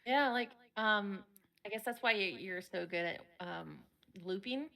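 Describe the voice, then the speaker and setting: A woman hosting a casual interview, bubbly and gushing, with lots of ums and quick laughs. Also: medium pitch, vocal fry, bright, forceful tone. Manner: bubbly, gushing, many fillers. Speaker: interview host.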